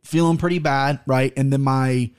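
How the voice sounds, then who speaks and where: A man's voice: medium pitch, steady tone, moderate pace, darkish tone, clear, resonant tone. An American man hosting a casual solo podcast, rambling bluntly with some swearing while talking with his mouth barely open. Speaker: podcast host.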